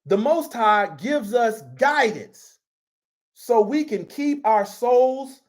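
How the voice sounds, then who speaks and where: A man's voice: very high voice, lively intonation, takes it slowly. A man preaching a sermon in an emphatic, conversational style and repeating himself for force. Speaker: pastor.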